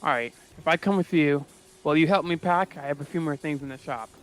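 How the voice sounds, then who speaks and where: A man's voice: a little high, a little fast, close to an everyday voice. A man voicing a brusque, impatient female shaman merchant in an improvised tabletop game, with a curt, dismissive way of talking. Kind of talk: improvised tabletop role-play.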